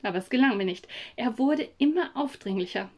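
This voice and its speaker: Woman reading a story aloud, fairly high voice. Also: lively intonation, brisk, darkish tone. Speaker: narrator.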